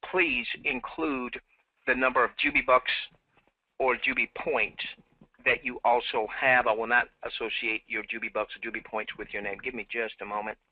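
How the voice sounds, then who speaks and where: A man's voice: medium pitch, lively intonation, moderate pace, no echo. A man hosting a live team webinar, upbeat and repeating himself, with many fillers, on a headset. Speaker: webinar host. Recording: dry, tinny phone-like line.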